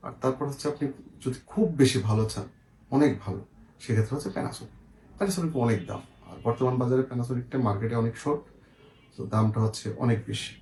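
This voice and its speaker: Here a man's warm, medium-pitched voice carries a Bangladeshi accent as he casually shows off products like a seller, explaining them and often checking with whoever's watching. Clicks and faint noise sit in an echoey room.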